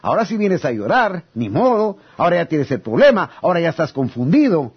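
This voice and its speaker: A male preacher delivering a sermon in a husky, high voice. His pitch leaps widely as he swings from loud pleading to low, hushed asides. The recording is dull and lo-fi. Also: very animated, a little fast. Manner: addresses listeners as brothers, reads scripture aloud.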